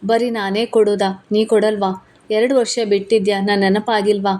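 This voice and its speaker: A woman's voice: medium pitch, little pitch movement, normal speed, darkish tone, natural voice. A woman voicing a childlike young wife who is clingy and playful, talking in a pleading, teasing way.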